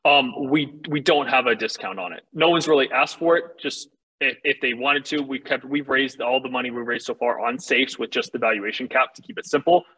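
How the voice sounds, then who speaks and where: A man with a forceful, bright voice and a slightly rough, husky edge delivers a confident startup pitch. He talks casually and candidly, like a founder selling his company to investors. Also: a little fast, rough recording. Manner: casual, candid, salesy explaining.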